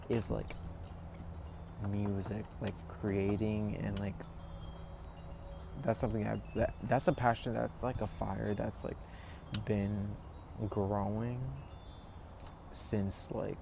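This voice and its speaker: A man's voice: lowish voice, vocal fry. Rambling young man in his twenties. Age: 20s. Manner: rambling, full of "like" and "you know", restarts. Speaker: vlogger. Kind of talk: casual reflective monologue. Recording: noisy background ambience.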